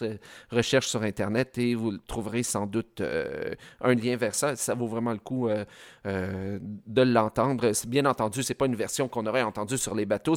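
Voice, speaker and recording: A man with a Québécois French accent presents songs on the radio in a loose, chatty way. He hesitates often and fills pauses with little sounds, at a middle pitch. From Quebec. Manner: hesitant, many fillers, chatty asides. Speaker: radio host.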